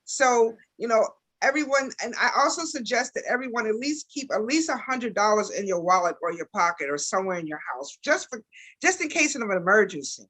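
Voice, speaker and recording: Casting: woman panelist, high bright voice, slight retainer-muffled speech, animated. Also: brisk. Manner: animated, acts out little dialogues. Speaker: guest panelist. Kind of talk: casual panel chat.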